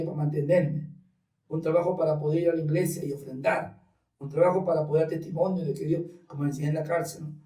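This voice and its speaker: A man's voice: a little high, recorded from a distance. A man tells his personal testimony in conversation, acting out the voices of others in his story. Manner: animated storyteller acting out dialogue. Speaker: guest giving testimony. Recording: roomy sound from off mic.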